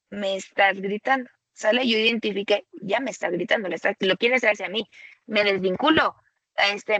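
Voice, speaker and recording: A woman presenting a webinar lecture for tutors, explaining slowly and conversationally and often checking in with a rhetorical "¿sale?". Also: medium pitch, a bit bright, no room sound, dull audio.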